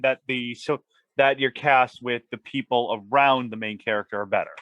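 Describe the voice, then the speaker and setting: A man's voice: mid-range voice, steady tone, moderate pace, no echo, lo-fi sound. A man co-hosting casual banter about video games, reacting bluntly and swearing freely.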